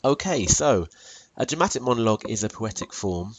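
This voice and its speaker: A British man teaching poetry in a tutorial video, asking questions and telling students to pause and think. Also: lowish voice, sing-song, husky, dry recording. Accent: British English. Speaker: English teacher.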